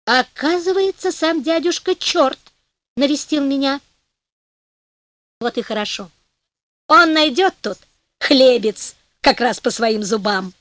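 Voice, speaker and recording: A woman's voice: high-pitched, lively intonation, takes it slowly, long pauses, fairly bright tone, dry recording, exaggerated voice. A woman voicing a clever, cheeky young man in a storybook tale, mock-modest and then commanding. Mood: wry.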